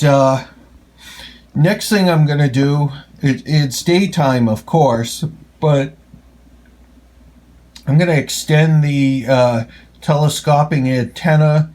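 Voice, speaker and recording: Halting and breaking off mid-phrase, a hobbyist reviewer gives a casual hands-on gadget demo in a fairly high-pitched, darkish voice. His take is skeptical and full of opinions.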